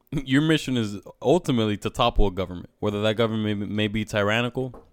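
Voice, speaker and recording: A man's voice: lowish voice, a little fast, clean tone, dry recording, studio quality. A man talking casually and emphatically at length, peppering his speech with bro. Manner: emphatic, talkative, says "bro" often. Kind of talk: casual conversational talk.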